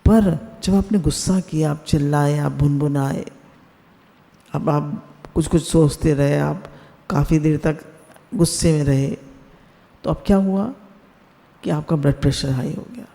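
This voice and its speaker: A man's voice: on the high side, measured pace, creaky, long pauses, dark tone, in a large hall. A man giving a spiritual discourse on a video call. He asks his listeners questions and mixes English words into his talk. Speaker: satsang speaker.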